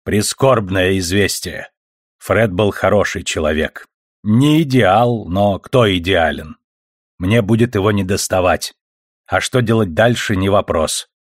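A sharp-tongued elderly grandmother, blunt and curt, talking in a deep, low register, as a man reads her lines. The audiobook sound is close and dry. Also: unhurried, no echo. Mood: gruff. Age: older. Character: blunt, foul-mouthed elderly grandmother politician.

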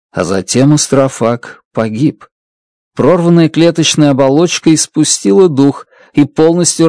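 A man reading a first-person story as an audiobook narrator, lively and expressive. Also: medium pitch, no room sound, studio quality.

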